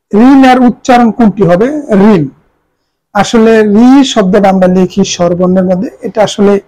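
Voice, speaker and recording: A woman's voice: mid-range voice, warm tone, poor audio. Woman teaching grammar, repeating answers. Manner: explains step by step, repeats answers. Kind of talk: grammar lesson.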